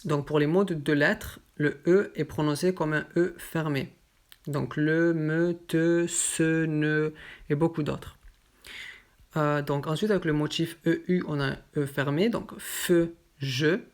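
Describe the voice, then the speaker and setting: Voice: medium pitch, steady tone, takes it slowly. A French teacher giving a pronunciation lesson, carefully enunciating and repeating example words one by one.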